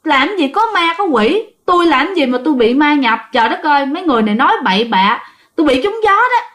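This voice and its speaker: A woman's voice: high-pitched, big pitch swings, fast, a bit bright. A woman voicing a confused village man who asks bewildered questions and protests indignantly.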